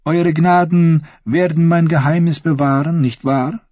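A man doing a coy young noblewoman, high-pitched. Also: flat delivery, a little slow, a little mellow, dry recording. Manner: coy, playful, bashful. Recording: dull, dry recording.

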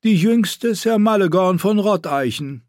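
Male reader as a disdainful queen, high, prim, cutting. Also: lively intonation, unhurried, darkish tone, dry recording, clean studio sound. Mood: haughty. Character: cold, haughty middle-aged queen.

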